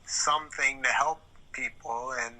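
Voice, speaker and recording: A man in his thirties giving a casual personal interview as a podcast guest, with measured, halting phrasing. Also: medium pitch, steady tone, pushed and bright, rough recording.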